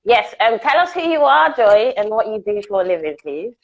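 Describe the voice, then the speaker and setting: A woman's voice: medium pitch, big pitch swings, brisk, highs cut off. A woman, hosting a chatty interview over a video call, laughing often. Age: 30s. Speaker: interview host.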